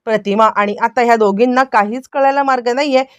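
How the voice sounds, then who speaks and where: Woman narrator, slightly high voice, dry close sound, recounts the plot step by step. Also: fairly quick, a little mellow, clear, resonant tone, dry recording. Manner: chains events with repeated connecting phrases and quoted dialogue. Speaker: storyteller. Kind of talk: retelling a TV serial plot.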